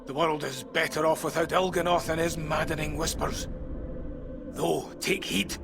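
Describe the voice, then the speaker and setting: An actor playing a suave, self-assured fantasy leader in a video game, speaking in a measured, theatrical, wry way. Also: male voice, a little high, steady tone, creaky. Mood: wry, confident. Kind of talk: video game character acting. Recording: very loud music behind. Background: music.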